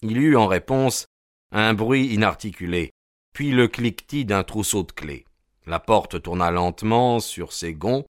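A man narrates an audiobook in a steady, measured storytelling style. His voice sits on the low side, and the recording is dry and studio quality.

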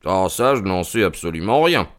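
A man playing a calm, ironic detective who reasons and mocks with composure, in an audio drama reading. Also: moderate pace. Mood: reasoning. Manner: composed and mocking, lively rises in pitch. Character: calm, ironic male detective, sure of himself.

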